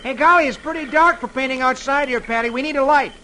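A man voicing an eager young boy who exclaims excitedly about painting his boat, in a noisy old radio recording. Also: sits high, moderate pace, voice pushed up.

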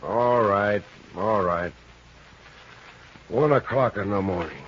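A man's voice: on the low side, slow, a bit bright, slightly rough, exaggerated voice. A man acting a cool, cheeky hard-boiled private detective with a dry, sardonic, slangy delivery in an old radio drama. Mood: flippant. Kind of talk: old radio detective drama, dialogue and first-person narration. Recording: dull, noisy old radio recording.

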